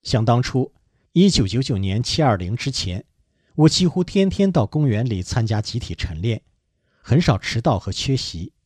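Reading a first-person account aloud, a man sounds earnest and measured, his slightly husky, a little mellow voice swinging widely up and down in pitch. The recording is close and dry with no room sound.

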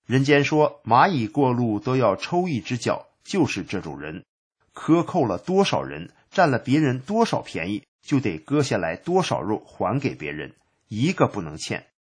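A man's voice: medium pitch, sing-song, normal speed, breathy edge. A man voicing a stern male constable of the underworld, explaining in a matter-of-fact way.

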